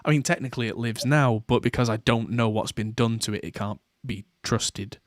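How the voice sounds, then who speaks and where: A man chats through a podcast segment in a relaxed, rambling way, with lots of "uh"s and restarts. His voice sits in a middle pitch. The sound is dry and close, with no room around it. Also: fairly quick, dry recording. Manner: rambling, with many fillers and restarts. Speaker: podcast host. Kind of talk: casual chat.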